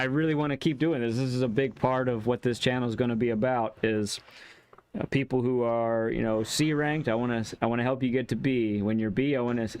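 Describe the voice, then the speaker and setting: A man hosting a gaming live stream, chatting casually in a halting way and often repeating his words. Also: medium pitch.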